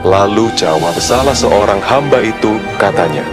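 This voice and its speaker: A man's voice: fairly low pitch, animated, normal speed. A man reading a scripted Bible story for children as a storyteller. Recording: loud background music under narration.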